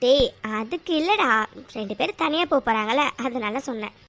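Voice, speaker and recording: A woman doing a hushed, worried cartoon grandmother. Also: sits high, animated, fairly quick, no room sound. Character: grandmother, soft-spoken and protective.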